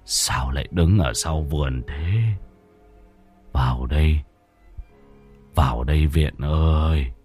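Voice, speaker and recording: A man's voice: a bass voice, takes it slowly, pauses often, darkish tone, soft background music, voice pushed down. A man voicing a feeble, bedridden old grandfather in a spoken ghost story, calling out in a weak, faint drawl. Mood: weak pleading.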